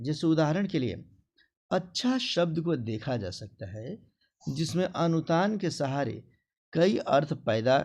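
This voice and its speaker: This slow-speaking male teacher walks children through a grammar lesson with a gravelly edge and a darkish tone. His pitch rises and falls widely, and he acts out example phrases in a sing-song manner.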